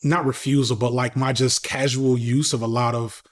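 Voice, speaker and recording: Speaking at a normal speed with a steady, mid-range voice, this man in his thirties is a podcast guest in a casual conversational interview. He's candid and loose, swearing, using slang and often restarting his sentences.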